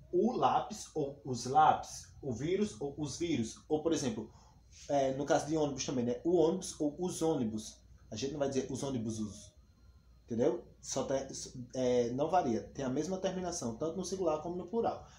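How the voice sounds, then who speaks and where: A man's voice: on the high side, warm tone. A male teacher going through a grammar lesson, patient, repeating each point and spelling out examples. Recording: echoey room, faint background hum.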